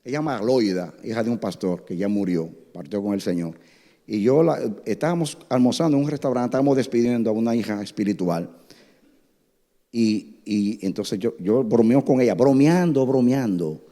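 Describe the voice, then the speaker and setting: A man preaching a sermon as pastor, telling stories with lively acted-out dialogue. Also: medium pitch, moderate pace. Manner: animated storytelling, acts out voices in dialogue. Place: church sanctuary. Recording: hall reverb.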